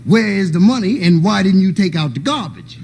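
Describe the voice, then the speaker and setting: A man acting out a jealous, suspicious husband in a comedy monologue, drawing his words out slowly as if pondering. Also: high voice, lively intonation, vocal fry. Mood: suspicious, aggrieved. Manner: slow, drawn-out, mock-pondering. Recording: noisy old live stage recording.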